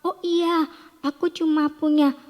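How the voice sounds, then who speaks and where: A woman's voice: high-pitched, flat delivery, measured pace, big-room sound, voice pushed up. A woman playing a pleading poor widow. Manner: pleading, tearful. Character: poor widowed mother in distress.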